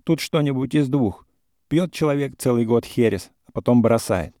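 A man voicing a hot-headed young gentleman suitor in a classic story reading, talking in a heated, insistent way. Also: mid-range voice, normal speed, no room sound, studio quality, natural voice. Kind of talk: audiobook character reading.

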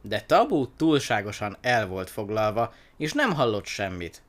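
Man, storybook narrator, lively up-and-down pitch, expressive reading.

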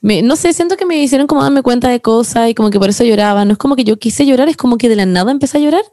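A young woman with a Chilean accent, telling stories rapidly in a casual podcast chat, full of slang and stray English phrases. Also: on the high side, dark tone, no room sound. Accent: Chilean Spanish. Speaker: podcast host.

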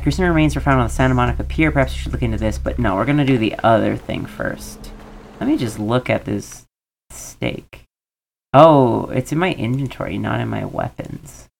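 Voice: mid-range voice, vocal fry, slight background noise. A game player giving casual, musing commentary and reading dialogue choices aloud.

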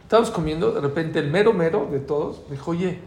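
Talking fast in a slightly high voice, a middle-aged man with a Mexican Spanish accent teaches an informal religious class. He's a lively teller of anecdotes who acts out each exchange, and the room echoes with faint ambient noise.

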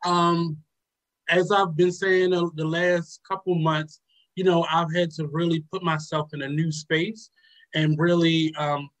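A man hosting a talk radio show, speaking in a casual, reflective way with many pauses and fillers. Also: a little high, level tone, fairly bright tone, poor audio. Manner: hesitant, many ums and uhs.

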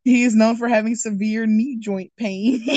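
A young woman with a slightly high voice, talking in a casual, joking way. She laughs often as she chats, and the sound is dry and close. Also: takes it slowly, no room sound. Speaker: podcast co-host. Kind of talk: casual chat.

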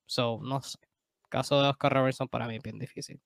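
A man co-hosts a casual sports podcast, firing off points in animated, quick bursts and fixing his own slips mid-sentence. His mid-pitched voice sits close to the mic, dry and free of room sound. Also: vocal fry, no room sound. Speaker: podcast co-host.

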